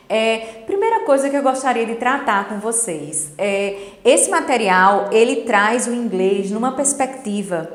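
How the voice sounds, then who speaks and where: A middle-aged woman, an English teacher, explaining a lesson in a didactic way and checking in with her students through quick tag questions. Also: a little high. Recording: roomy echo with long reverb.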